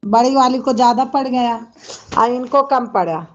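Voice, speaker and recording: A woman's voice: a little high, moderate pace, dull audio. A woman hosting a casual live stream, chatting with viewers and scolding and soothing children in between.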